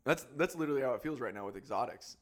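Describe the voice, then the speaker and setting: A man hosting a podcast, chatting casually about cars, self-deprecating and quick to laugh. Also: medium pitch. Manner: self-deprecating, laughs often, animated asides. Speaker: podcast host. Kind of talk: casual car chat.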